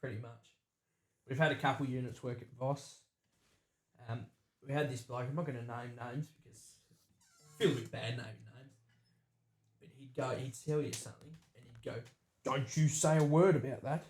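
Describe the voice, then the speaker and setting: A man's voice: medium pitch, steady tone, moderate pace, pauses often, echoey room. A man with an Australian accent hosting a casual podcast, trading laid-back banter and workplace stories, swearing now and then. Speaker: podcast host. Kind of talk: casual pub-style banter.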